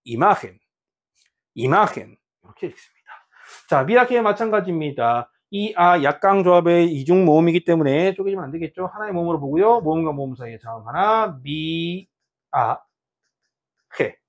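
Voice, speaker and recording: A man teaching a beginner Spanish lesson in Korean, repeating example words slowly and asking his students questions. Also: fairly high pitch, animated.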